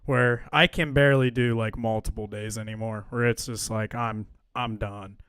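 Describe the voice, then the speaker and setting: A man's voice: lowish voice, steady tone, normal speed, a bit bright, smooth, no echo. A young man co-hosting a podcast in casual chat, laid-back and agreeable, swearing now and then. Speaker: podcast co-host.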